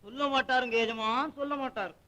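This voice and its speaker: A man's voice: very high-pitched, a little fast, sharp tone. An actor playing an obsequious male servant in a 1950s film drama, agreeable and fawning.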